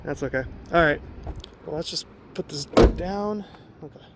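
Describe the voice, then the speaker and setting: A man's voice: a little high, a little slow, very noisy. A man casually showing viewers his car outdoors, rambling with lots of fillers and a little out of breath. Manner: rambling, loose, many fillers. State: a bit out of breath. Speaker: car vlogger.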